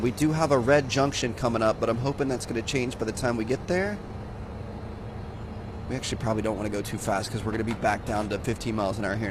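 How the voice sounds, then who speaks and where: A relaxed young man talks through his gameplay in a loose, chatty way, calling the listener "dude" now and then. His voice sits at an ordinary pitch for a man. A faint hiss of noise runs under it. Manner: laid-back, chatty, says "dude" often. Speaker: gaming channel host. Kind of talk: casual gameplay commentary.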